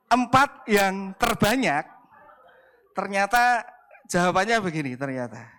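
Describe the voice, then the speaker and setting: A man's voice: sits high, lively intonation, measured pace, fairly bright tone. A male pastor with an Indonesian accent, telling humorous stories in a sermon and playfully acting out the people he quotes. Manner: playful, acts out quoted voices.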